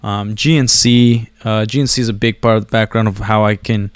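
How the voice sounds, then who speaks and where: Fairly quick and smooth, his fairly low voice keeps an even intonation, with no room sound in the recording. The man vlogs in a slangy, digressive, self-deprecating style, rambling casually to camera. Born in another country, he spoke a non-English first language before relocating to the US as a child.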